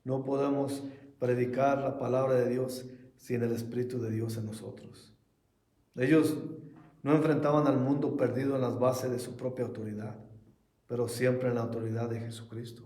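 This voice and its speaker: A male pastor delivering a Bible study sermon with steady, earnest conviction. His voice is dark and mellow, carried in an echoey room. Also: medium pitch, normal speed. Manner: earnest preaching, ending in prayer.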